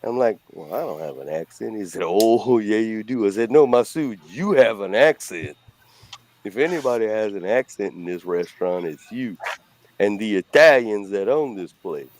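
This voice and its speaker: Lowish and lively in intonation, this middle-aged co-host from Louisiana speaks at a normal speed with a slightly mellow quality. He has a Cajun accent and chats casually, bluntly and ramblingly.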